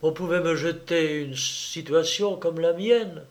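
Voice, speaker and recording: A man reading a classic novel aloud in a measured, literary storytelling manner. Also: on the high side. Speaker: audiobook reader. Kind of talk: scripted literary narration.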